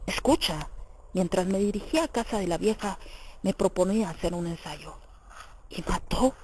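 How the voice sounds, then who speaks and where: A woman's voice: lowish voice, darkish tone, a little hiss or hum, natural voice. A woman reading the part of a tormented young male murderer in an audiobook, in a brooding, intense, questioning manner.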